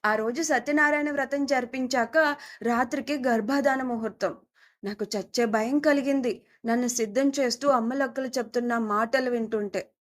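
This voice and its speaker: A woman with a high voice tells a first-person audio story. She keeps it soft and intimate and reads the characters' lines as they come up. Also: moderate pace.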